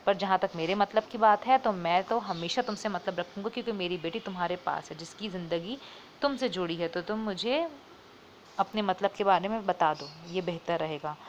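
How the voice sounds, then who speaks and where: A woman's voice: lowish voice, moderate pace, highs cut off, slight background noise, close to an everyday voice. A woman doing a careless, teasing young husband. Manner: offhand, mocking.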